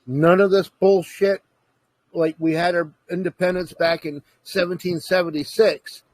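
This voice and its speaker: Earnest husky man explaining at length. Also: sits high, fairly even intonation, a little slow, no room sound. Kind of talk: casual conversation.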